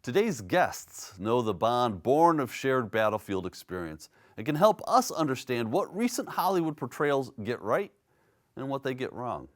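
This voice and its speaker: A man hosting a public affairs interview show, asking measured questions with frequent fillers. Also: mid-range voice, very animated. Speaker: host.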